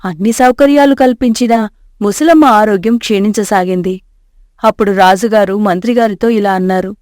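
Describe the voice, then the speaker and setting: A woman narrating a scripted storybook tale in a steady, measured way. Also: medium pitch, no room sound, clean studio sound.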